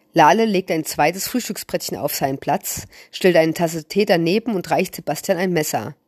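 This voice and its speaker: A woman reading a children's story aloud in a calm, even storyteller manner, close to the mic. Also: lowish voice, no room sound.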